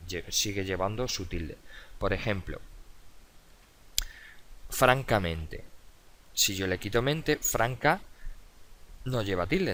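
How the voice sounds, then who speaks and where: Low-voiced man explaining step by step. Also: a bit bright, a little hiss or hum. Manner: explains step by step with frequent fillers and self-corrections; asks questions and answers them himself. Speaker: adult education teacher. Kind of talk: video tutorial lecture.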